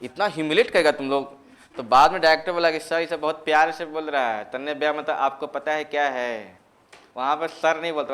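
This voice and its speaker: This is a man lecturing a geography class, speaking slowly and in a slightly high register. He fires questions at his students and answers them himself. When he dictates notes, he repeats the terms again and again, slipping in English phrases. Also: a bit bright. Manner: mixes Hindi with English phrases. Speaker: geography teacher.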